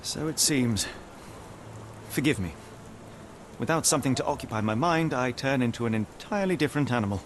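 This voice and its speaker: An actor playing Sherlock Holmes as a sharp, arrogant, restless consulting detective in a video game, brusque and articulate. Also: male voice, medium pitch, expressive, fairly quick, pauses often, slight background noise, lightly acted. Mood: brooding. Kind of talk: video game cutscene acting.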